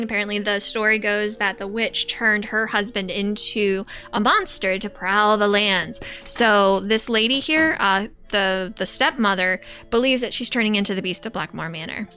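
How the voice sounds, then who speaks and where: A woman's voice: mid-range voice, moderate pace, hardly any pauses, pushed and bright, faint music behind. A woman giving chatty, giggly commentary as she plays a game. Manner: chatty, giggly, easily delighted. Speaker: gamer.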